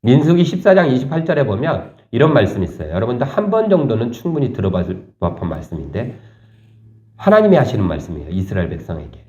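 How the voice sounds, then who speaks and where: A male pastor preaching a sermon, animated and quizzing his congregation with questions. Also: medium pitch, fast talker. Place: church sanctuary. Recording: echoey church room, slightly dull sound.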